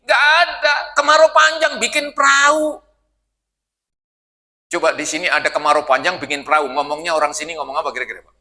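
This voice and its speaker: A man's voice: on the high side, animated, brisk, sharp tone. An older man preaching an evening sermon in a mosque, joking and conversational, questioning his listeners and chanting verses of scripture. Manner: jokey and conversational, often asking the audience "Pak?". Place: mosque hall. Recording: long reverb of a mosque hall.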